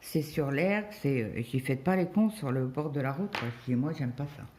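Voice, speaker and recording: A middle-aged woman from France talks casually as she stitches, her voice dark and mellow. She rambles through a story with many fillers and quoted back-and-forth. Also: extremely low pitch, animated, moderate pace, a little hiss or hum. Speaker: crafting vlogger. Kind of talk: casual chat while cross-stitching.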